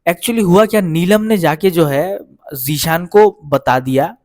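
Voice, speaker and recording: Fairly high-voiced man recapping casually. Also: unhurried, a little mellow, no room sound, studio quality. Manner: rambling retelling, keeps checking in with listeners. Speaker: reality show recap vlogger. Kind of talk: casual spoken episode recap.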